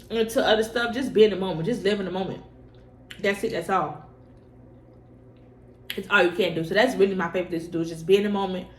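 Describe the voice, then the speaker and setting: A young woman talks casually to her viewers in an informal, slangy way, often repeating phrases for emphasis. Her voice sits at an average female pitch. The room is noticeably echoey, with faint noise behind her. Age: young adult. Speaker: vlogger answering personal questions. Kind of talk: casual mukbang chat to camera.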